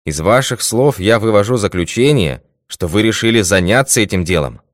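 An earnest, worried army colonel answers respectfully, as a man reads him aloud. His voice is low and deep. The recording is close and dry. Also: animated, normal speed, no echo, close to an everyday voice.

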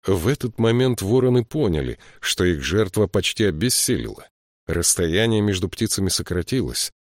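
A man narrating a fantasy audiobook in a steady, measured storytelling voice. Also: deep voice, dry recording, studio quality. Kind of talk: scripted narration.

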